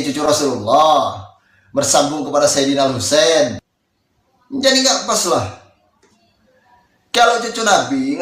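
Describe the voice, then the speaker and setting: High-voiced mocking cleric in an echoey room. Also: male voice, fairly bright tone. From Indonesia. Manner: mocking, scolding, repeats phrases for emphasis. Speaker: Islamic cleric. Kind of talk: heated rebuttal speech.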